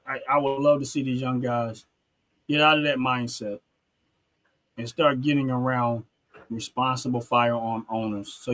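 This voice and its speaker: A man's voice: medium pitch, bright, forceful tone. A man from Philadelphia hosting a casual talk show and speaking in an earnest, emphatic, preachy way. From Philadelphia, USA. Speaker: podcast host.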